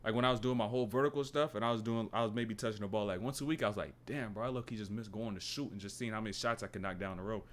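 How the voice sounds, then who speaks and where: A man's voice: on the low side, racing, hardly any pauses, slight background noise. A young man streaming live and reacting to an interview clip, talking over it in loose slang. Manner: slangy, talks over the clip, laughs loudly.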